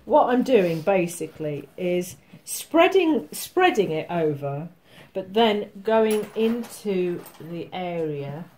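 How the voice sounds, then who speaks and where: A woman's voice: on the low side, sing-song, takes it slowly, a little mellow, slight background noise. A woman teaching a mosaic workshop, explaining each step in a chatty, joking way to the students around her. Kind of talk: hands-on demonstration to a class.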